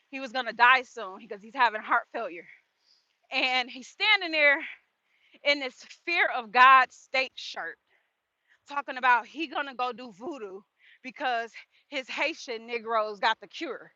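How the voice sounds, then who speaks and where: A woman's voice: high voice, sharp tone, no room sound, muffled recording. A woman, chatting about her faith in a casual walk-and-talk vlog. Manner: chatty, faith-focused, laughs often. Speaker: vlogger. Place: outdoors on a walk.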